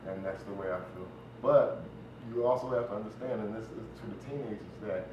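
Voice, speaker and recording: This lo-fi clip catches a middle-aged American man with a lowish voice, a stage play writer being interviewed. He's casual and earnest, full of conversational asides, and the noisy recording sounds very echoey with the mic far away.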